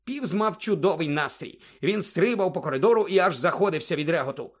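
A man reading an audiobook aloud in a lively, expressive narration. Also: a little high, a little fast. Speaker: audiobook reader.

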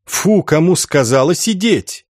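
A man's voice: on the high side, expressive, unhurried, darkish tone, dry recording, studio quality, voice pushed up. A man voicing a stern woman who gives curt commands. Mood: commanding.

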